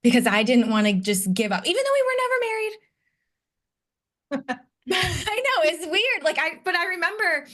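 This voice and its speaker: Her voice is extremely high, with big swings in pitch, a moderate pace, frequent pauses, and a bit of brightness. She's a woman in her late thirties from Detroit, United States, guesting on a podcast and telling personal stories about her past with candor and reflection in a conversational interview.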